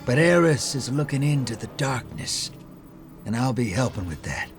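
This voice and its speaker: An actor playing a sly, folksy rogue gambler in a video game, with a drawling, wheedling, theatrical delivery. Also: male voice, mid-range voice, expressive, moderate pace, close to an everyday voice. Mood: persuasive. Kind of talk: video game character acting. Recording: faint music behind the voice.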